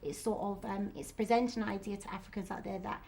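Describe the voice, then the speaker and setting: A woman's voice: medium pitch, fairly even intonation, fast, creaky, a little mellow, a little hiss or hum. A woman pageant contestant talking earnestly about her charity in a studio interview, often saying "sort of". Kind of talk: casual interview talk.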